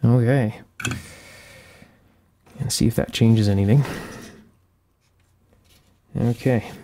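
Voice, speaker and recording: Slow and steady, this man's medium-pitched voice has a mellow quality, with slight background noise. He hosts an electronics repair channel and methodically thinks aloud through a hands-on repair, step by step and unscripted, at an indoor workshop bench.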